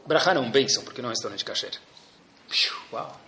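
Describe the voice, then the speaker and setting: Um professor religioso com sotaque brasileiro, contando histórias de forma animada e com piadas numa aula. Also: male voice, medium pitch, fast talker, roomy sound, background noise. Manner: lively storyteller, jokey asides. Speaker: religious teacher. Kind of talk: religious class with stories and jokes.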